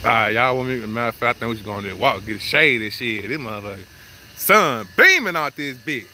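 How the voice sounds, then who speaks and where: A man vlogging live at an outdoor zoo, joking loudly in slangy banter. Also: medium pitch, lively intonation, fast talker, slight background noise. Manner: loud, joking, slangy banter with frequent laughs. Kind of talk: casual live vlog.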